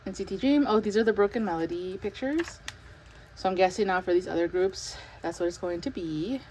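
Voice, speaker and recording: Young woman vlogging an unboxing, kinda out of breath, chatty and hyped, medium pitch, faint noise behind. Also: fairly quick, low-quality recording. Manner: chatty, excited, many fillers and laughs. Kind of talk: casual chat.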